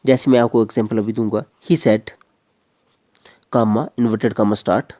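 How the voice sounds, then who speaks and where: A man's voice: lowish voice, steady tone, slow pace, dark tone, no room sound, clean studio sound. A man teaching a grammar lecture, explaining step by step and repeating key phrases.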